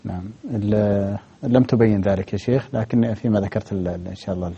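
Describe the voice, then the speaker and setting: A man's voice: on the low side, fast, dark tone, husky, dull audio. A man presenting a broadcast lesson, reading out viewer questions and giving brief, courteous prompts to the teacher.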